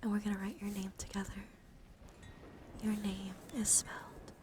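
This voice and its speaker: This livestreamer and VTuber host runs an ASMR stream, talking close to the mic in a gentle, breathy, mid-pitched voice that frequently becomes a whisper. Her rambling to viewers is intimate, monotone and moderately paced. Ambient background noise is clearly audible.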